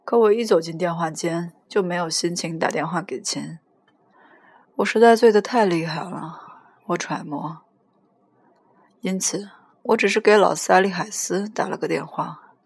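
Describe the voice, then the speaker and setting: A woman reading a first-person novel aloud in a plain, even storytelling manner. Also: fairly low pitch, normal speed, vocal fry, breathy edge, dry recording. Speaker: audiobook reader.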